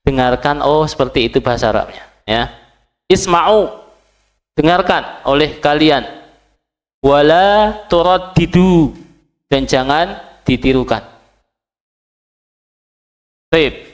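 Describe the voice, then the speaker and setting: A man's voice: medium pitch, a little slow, long pauses. A man teaching an Arabic class, patiently saying each phrase and translating it, and checking often that his students follow. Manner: quizzes the class with short questions. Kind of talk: classroom language lesson.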